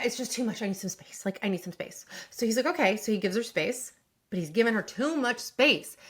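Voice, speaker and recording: A young adult woman hosting a podcast, a relationship coach giving an opinionated, animated recap of a TV series and acting out the characters' lines. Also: on the high side. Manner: animated, acts out character quotes.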